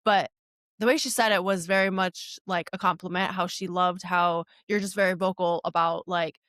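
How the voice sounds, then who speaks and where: A woman's voice: lowish voice, fairly even intonation, normal speed, fairly bright tone, no room sound, clean studio sound. A woman co-hosting a podcast, chatting in an enthusiastic, gushing way. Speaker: podcast co-host. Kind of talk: casual podcast chat.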